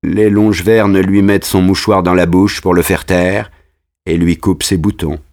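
A man reading a story aloud in calm, measured narration. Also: sits low. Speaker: audiobook narrator. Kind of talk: scripted narration.

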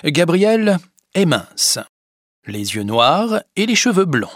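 Slow, lively-voiced male storyteller. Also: on the high side, no echo. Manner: slow, clear, deliberate reading. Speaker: narrator. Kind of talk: scripted audiobook narration.

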